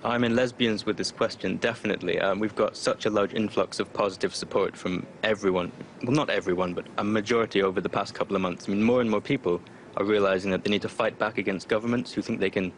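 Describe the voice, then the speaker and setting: Guy w a disguised deep voice on a call, defiant, lots of ums, low pitch. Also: a little hiss or hum. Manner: defiant, loose, many fillers. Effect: voice disguised lower. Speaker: spokesperson for online activist group. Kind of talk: remote interview answers. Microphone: remote call connection.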